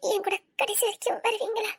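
A woman's voice: very high voice, level tone, fairly quick. A woman voicing a hurt young wife who speaks through tears, with a Tirunelveli Tamil accent. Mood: tearful. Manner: tearful, wounded.

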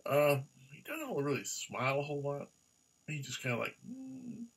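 A middle-aged man reviews products casually in the manner of a showy announcer. His pitch swings widely and animatedly. The voice is picked up some distance from the mic in a room at home. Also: sing-song, brisk, fairly bright tone. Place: small room at home, indoors.

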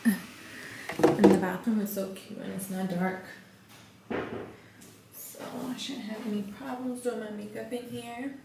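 A woman's voice: mid-range voice, steady tone, slow, gravelly, long pauses. A young woman filming a casual hotel room tour on a handheld camera, chatty and gushing, often slipping into a near whisper. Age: young adult. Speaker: vlogger. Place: small tiled hotel bathroom and room. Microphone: handheld camera at arm's length. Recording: echoey tiled room, faint hiss.

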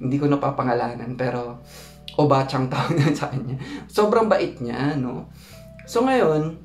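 Chatty man in an echoey room. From Philippines. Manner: chatty, often asks "no?" to the viewer; rises high when acting out his own thoughts. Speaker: vlogger. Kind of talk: casual storytelling vlog.

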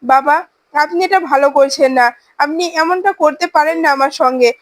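A woman's voice: sits high, fairly quick, dry recording, natural voice. A woman voicing a desperate mother locked in a room, pleading and reproaching her captors.

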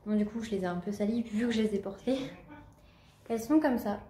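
A woman's voice: medium pitch, brisk, dark tone, roomy sound. Chatty Normandy French woman vlogging. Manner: chatty, many fillers and restarts. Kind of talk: casual vlog chat. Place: at home.

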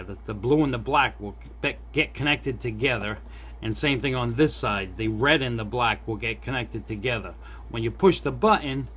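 Fairly bright in tone, his mid-range voice guides viewers through a casual repair. The middle-aged hobbyist video maker improvises at a desk indoors, thinking aloud as he works. Background noise and room ambience come through.

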